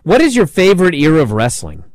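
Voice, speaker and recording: A man co-hosting an interview, asking lively, rambling questions. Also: a little high, fast talker, dry recording. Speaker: podcast co-host.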